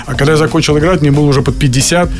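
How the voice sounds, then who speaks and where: A man's voice: fairly high pitch, steady tone, rapid-fire, music in the background. A man in his fifties, an actor guest on a radio show, telling rambling, joking stories in casual studio chat.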